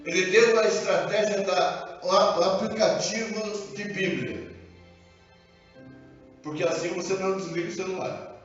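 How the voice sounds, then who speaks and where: In a reverberant church sanctuary, a male pastor with a high voice and Brazilian Portuguese accent preaches with animation, performing dialogue as he goes, his tone steady and a little slow. He's recorded from a distance, so the sound is dull and muffled, with soft music beneath.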